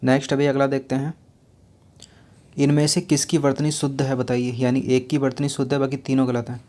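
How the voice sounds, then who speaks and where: Guy teaching spelling for exams, monotone, keeps repeating the answer back, thrown in. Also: medium pitch, fairly quick. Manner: explains patiently, repeats each answer and asks rhetorical questions. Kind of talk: exam-prep lesson going through spelling questions.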